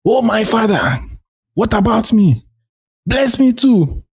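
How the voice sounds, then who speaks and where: A man voicing a desperate, wronged young man who pleads in a high, strained cry. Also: very animated, unhurried, warm tone, husky, dry recording, studio quality, full character voice. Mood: pleading.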